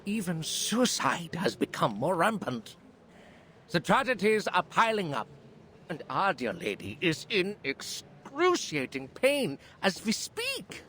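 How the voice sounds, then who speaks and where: A man plays a showy physician in a video game, addressing an audience during a demonstration in a formal, grandiloquent, theatrical way, heavily acted with a grand, showy mood. His voice sits high with wildly swooping pitch, a slow pace, and a bright, forceful tone. Background ambience noise is clearly audible.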